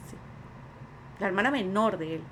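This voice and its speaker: With lively intonation at a moderate pace, a mid-range-voiced woman with a Costa Rican accent earnestly shares her life story as a guest in a podcast conversation. She brings in many quoted voices, acting out others' words, against slight background noise.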